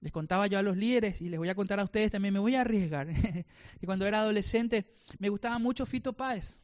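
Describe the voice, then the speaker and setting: A high-pitched male pastor, preaching a sermon. He asks the congregation rhetorical questions and acts out the voices of people he quotes. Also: a little fast.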